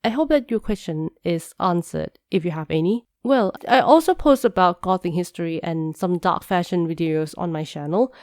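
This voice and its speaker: A woman's voice: on the low side, normal speed, hardly any pauses, a little mellow, no room sound, clean studio sound. A woman with a congested, nasal voice from a cold, explaining things in a scripted video talk. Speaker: video creator.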